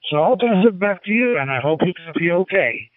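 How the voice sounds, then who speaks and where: A man from the United States speaking as an amateur radio operator over two-way radio, making unhurried procedural calls and spelling in phonetic alphabet. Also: high voice, expressive, dry recording. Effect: two-way radio, walkie-talkie sound. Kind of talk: ham radio contact, unhurried procedural call. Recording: narrow phone-like radio audio, distant.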